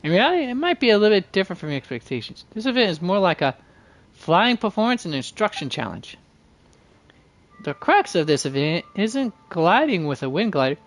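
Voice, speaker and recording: Game music plays as a male livestream host reads lines aloud and chats casually, often tripping over words and fixing them. He sounds high-pitched, brisk and sing-song.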